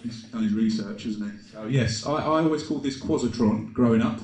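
A man's voice: mid-range voice, a little fast, a little mellow. A man hosting a live panel, chatty and genial, asking guests questions. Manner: genial, chatty, filler-heavy. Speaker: panel host. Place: live event hall. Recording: echoey event hall, live stream.

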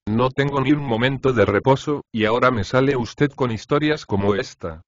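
A man plays a poor, overworked cook who complains and pleads. The voice is a little lower and slower than his narration. The recording is close, dry and a bit muffled. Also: dry recording, natural voice. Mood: complaining. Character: poor, overworked, self-pitying female cook. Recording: dry, slightly dull audiobook recording.

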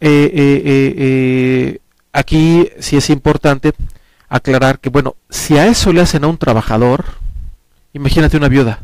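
A man's voice: mid-range voice, measured pace, dry recording. Mexican man explaining, dry studio sound. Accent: Mexican Spanish. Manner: earnest, explains at length with lively hand gestures. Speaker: pension advisor guest. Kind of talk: explanatory talk-show chat. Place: small TV studio set, indoors. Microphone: headset mic.

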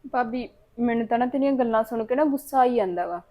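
An actress playing a young married daughter who is blunt and indignant. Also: female voice, fairly high pitch, fast talker, dull audio, lightly acted. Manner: blunt and sharp-tongued.

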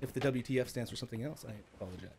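A male game streamer who chats live in an excitable, flustered way, with frequent laughter and sudden outbursts. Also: mid-range voice, racing, slight background noise.

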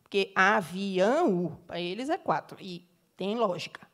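A woman's voice: medium pitch, expressive, moderate pace. A middle-aged Brazilian woman, a professor giving an academic lecture, explaining step by step and checking in with the audience with tag questions. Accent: Brazilian Portuguese. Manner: explanatory, frequent tag questions, gives sung examples.

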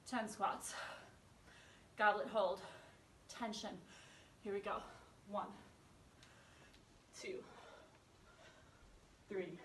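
A woman aerobics instructor leads a home workout in a high voice. She takes her time, counting reps and giving short, encouraging commands. She sounds some way from the mic in a roomy, echoey space. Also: pushed and bright. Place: carpeted room at home. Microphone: distant camera microphone across the room. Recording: roomy echo, far from phone camera.

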